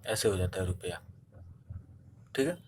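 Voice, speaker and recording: A man's voice: low voice, expressive, unhurried, a little mellow, slight background noise. A man teaching a spelling lesson for exam preparation, explaining step by step and answering his own questions. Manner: repeats "theek hai" often. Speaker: Hindi teacher. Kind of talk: online exam-prep lesson.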